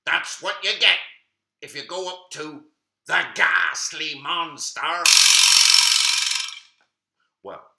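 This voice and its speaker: A man's voice: mid-range voice, vocal fry, sharp tone. A man telling a children's story with dramatic, swooping emphasis. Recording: echoey room.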